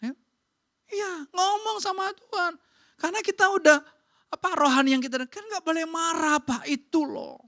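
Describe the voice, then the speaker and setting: A woman pastor preaching a sermon in a church, talking in a lively, conversational way straight to the congregation. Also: extremely high pitch, moderate pace.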